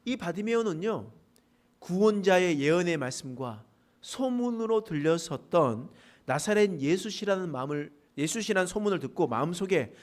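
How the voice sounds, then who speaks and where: A man preaching a sermon as pastor in a church, animated and asking his congregation rhetorical questions. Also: high-pitched, normal speed. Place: church sanctuary.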